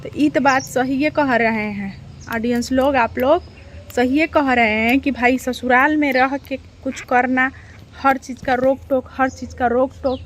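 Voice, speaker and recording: A woman's voice: high-pitched, fairly even intonation, a little slow, a little hiss or hum. A woman reaction vlogger, chatting casually to her viewers, full of rhetorical questions and repeated phrases.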